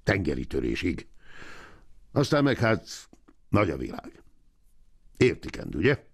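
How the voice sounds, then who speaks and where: Man doing a gruff, haughty fat landlord. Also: sits low, wildly swooping pitch, no room sound, studio quality, heavily acted. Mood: dismissive. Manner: curt, brusque. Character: fat, gruff landowner lord, impatient and haughty.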